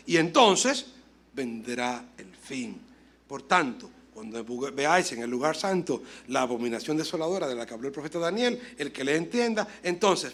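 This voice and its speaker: A male pastor preaching a lively sermon, moving between loud exclamations and quiet asides and acting out dialogue as he tells stories. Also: medium pitch. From Dominican Republic. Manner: acts out dialogue in storytelling.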